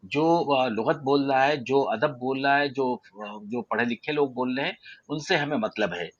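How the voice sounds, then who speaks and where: A man from central India with an Indian Urdu accent, teaching poetic meter in an online audio class, measured and explanatory with frequent hesitations. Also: mid-range voice, dry recording, highs cut off. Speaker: poetry teacher. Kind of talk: prosody lesson in an online audio room.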